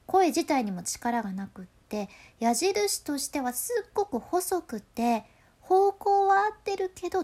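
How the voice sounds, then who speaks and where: A woman's voice: high-pitched, darkish tone. A woman with a Hakata accent explains voice control in a casual, playful way, laughing often. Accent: Hakata dialect.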